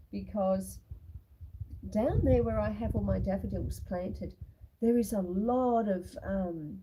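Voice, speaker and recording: A woman with a mid-range, dark, breathy voice, captured on a rough recording, hosts an outdoor homestead live stream. She chats casually to viewers by name via a phone on a tripod. She's still slightly snuffly, with a cough from a long illness.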